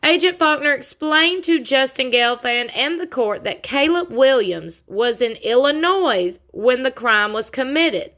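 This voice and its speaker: Female news-recap vlogger, bright forceful tone, unhurried delivery, folksy asides. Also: high voice, animated. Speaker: vlogger commenting on trial news. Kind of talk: news recap with casual commentary.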